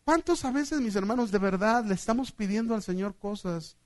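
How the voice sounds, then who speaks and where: A middle-aged man with a Mexican accent preaching a sermon, telling stories in an animated way and acting out the voices of the people in them, going from loud to hushed. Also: high voice, brisk, dry recording. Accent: Mexican Spanish.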